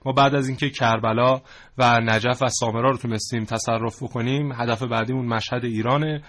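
A man hosting a studio discussion, speaking haltingly with many pauses. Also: mid-range voice, fairly even intonation, a bit bright. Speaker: host.

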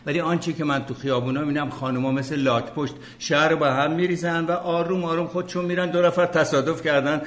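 A man's voice: a little high, fairly even intonation, hardly any pauses. An older man chatting casually as a podcast guest, opinionated and hesitant, with many fillers and restarts. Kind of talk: casual chat.

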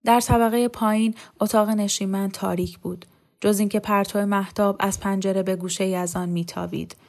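A woman reads a novel aloud as an audiobook narrator. Her delivery is calm and measured, at an ordinary pitch for a woman, steady from sentence to sentence. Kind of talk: scripted narration.

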